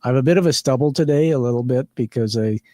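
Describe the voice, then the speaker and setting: A man's voice: medium pitch, fast, dark tone, no room sound, studio quality. Friendly rambling male podcast host. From Canada. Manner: friendly, rambling, laughs easily. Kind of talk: conversational interview. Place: studio.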